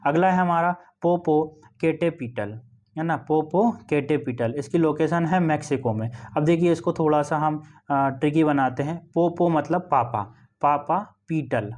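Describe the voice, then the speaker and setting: A man with a fairly high voice teaches exam-prep memory tricks. He walks through each one patiently, repeats key phrases and keeps checking in with the listener. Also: unhurried, darkish tone.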